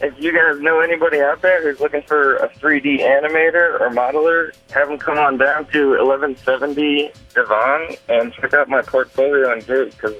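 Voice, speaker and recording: A man's voice: fairly high pitch, fairly even intonation, a little fast, few pauses, faint music behind. A man in his twenties calling a radio show, chatting casually, his voice muffled by a bad cell phone microphone as if talking into a cup. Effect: muffled bad cell phone mic, like talking into a cup. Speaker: caller. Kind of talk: casual call-in chat.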